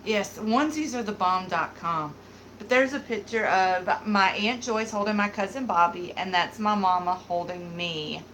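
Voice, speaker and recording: This woman, in her thirties and from the American South, speaks with a light Southern accent while hosting a live beauty stream, reading comments and rambling with lots of fillers. Her medium-pitched voice is a bit bright and runs at normal speed. A little hiss or hum sits on the rough recording.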